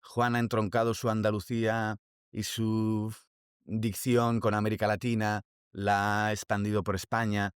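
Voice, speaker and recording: A man with a fairly low voice talks reflectively in an interview, pausing and hunting for the right word before pressing a point. The sound is dry and close to the mic. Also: flat delivery, clear, resonant tone, no room sound. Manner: searching for words, emphatic asides. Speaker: documentary interviewee.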